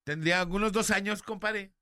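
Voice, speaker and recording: A Mexican radio host riffing jokily with his co-hosts, his voice bright and slightly high. The booth sound is dry and close. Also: a little fast, clear, resonant tone, no echo. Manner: jokey, laughs often. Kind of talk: casual radio banter.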